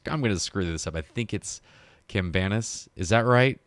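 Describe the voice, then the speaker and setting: A man hosting a podcast with an upbeat, joking way of talking. His voice sits low, and the sound is close and dry with no room echo. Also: animated, moderate pace, a bit bright. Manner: upbeat, joking, loose with fillers. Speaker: podcast host. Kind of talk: casual interview intro.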